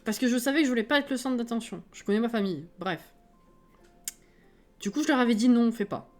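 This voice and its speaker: A woman with a French accent, streaming live and chatting casually with her viewers, self-mocking and quick to laugh. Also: a little high, a little mellow, soft background music.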